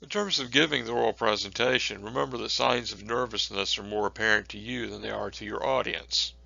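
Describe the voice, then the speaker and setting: A male instructor giving a recorded lecture on presentation skills, measured and plain, with frequent filler words. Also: lowish voice, creaky, pushed and bright, no room sound. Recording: dull lo-fi recording.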